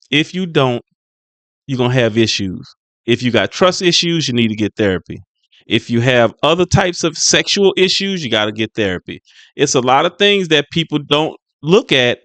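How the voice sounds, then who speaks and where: A middle-aged man comments casually on a clip. His voice sits a little high and sounds dry and close. He repeats himself and turns folksy and preachy about faith. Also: a bit bright, no echo. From New Orleans, Louisiana. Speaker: commentator reacting to clips.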